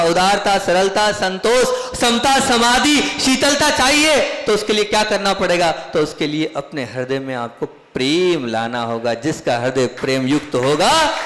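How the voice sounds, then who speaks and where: Male monk delivering a sermon, animated and questioning, with a slightly high voice and a roomy hall sound. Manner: animated, rhetorical questions and repetition. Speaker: Jain monk preacher. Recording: echoey hall.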